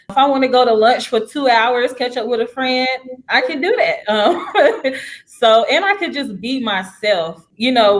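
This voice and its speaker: A young woman realtor in a casual career interview, talking in an upbeat, chatty way and laughing often. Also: fairly high pitch. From United States.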